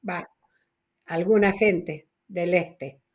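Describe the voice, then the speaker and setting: Unhurried woman teaching English grammar. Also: lowish voice, darkish tone. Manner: patient, explaining step by step with frequent "ok?". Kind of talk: online class teaching, mixing Spanish and English.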